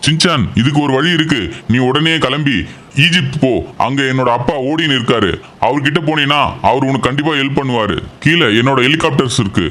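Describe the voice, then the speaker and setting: A man's voice: medium pitch, fairly quick, a bit bright, natural voice. A man voicing a grieving, powerless thunder god in a game role-play, solemn and despairing.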